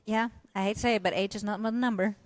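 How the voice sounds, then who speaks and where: 30-something woman hosting a live podcast, mid-pitch, friendly and inviting, dry close sound. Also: fairly even intonation, quick pace, no room sound. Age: 30s. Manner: friendly, inviting, recaps for listeners. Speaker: podcast host.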